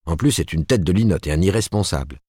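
A man's voice: deep voice, expressive, fast talker, a little mellow, breathy edge, no echo, studio quality. A man reading the part of a proper, disapproving middle-aged mother who lectures her daughter in an audiobook. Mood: admonishing. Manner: admonishing, rising emphatically.

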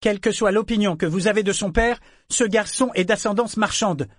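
A man's voice: high voice, a little fast, dry recording, clean studio sound, voice pushed up. A man voicing a young merchant woman who speaks out, raised and urgent. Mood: indignant.

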